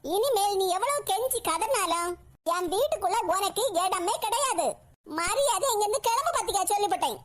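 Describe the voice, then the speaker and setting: A woman voicing a shrill scolding mother-in-law. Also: animated, moderate pace. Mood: bitter, scolding. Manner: harsh, scolding, dismissive. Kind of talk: cartoon comedy voice acting. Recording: noisy home recording.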